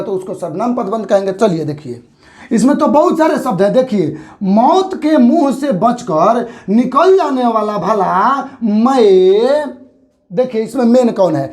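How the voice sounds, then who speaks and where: High-voiced woman teaching grammar. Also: a little mellow. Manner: asks questions and answers them herself, stretches out example phrases. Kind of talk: Hindi grammar lesson.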